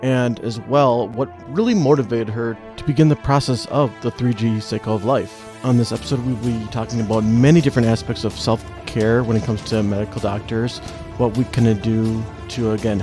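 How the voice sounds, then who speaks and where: A podcast host introducing a guest and chatting casually, with many fillers. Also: medium pitch. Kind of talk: interview podcast hosting.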